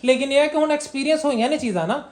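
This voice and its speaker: A man's voice: very high-pitched, rapid-fire, a little mellow. A young man with a Punjabi accent hosting a family vlog, coaxing and reassuring his mother, often asking "theek hai na?". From Punjab, Pakistan. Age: young adult. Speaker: family vlogger. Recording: roomy room with faint noise.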